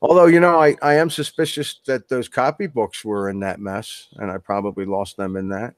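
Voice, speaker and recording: A man's voice: on the low side, fairly even intonation, normal speed, no room sound. A man being interviewed as a guest author, talking in a loose, rambling way with many restarts. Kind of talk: casual interview chat.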